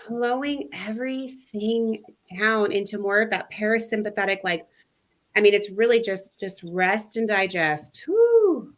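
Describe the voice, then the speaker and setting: Woman breathwork guide, animated and upbeat, chatty interview guest. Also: mid-range voice, unhurried. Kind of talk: casual interview chat.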